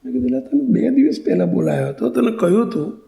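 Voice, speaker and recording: A man's voice: very high-pitched, animated, fast, creaky, warm tone. A Gujarati-accented man giving a religious discourse to a congregation, telling a story and asking his listeners questions. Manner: storytelling, asks the audience questions. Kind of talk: sermon.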